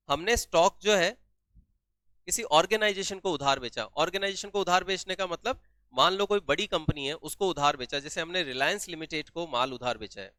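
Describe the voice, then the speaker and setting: Man, accounting teacher, bright forceful voice, dry close sound, quizzes then answers himself. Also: fairly high pitch, no echo. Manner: asks questions and answers them himself, repeats key terms. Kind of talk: classroom-style lesson.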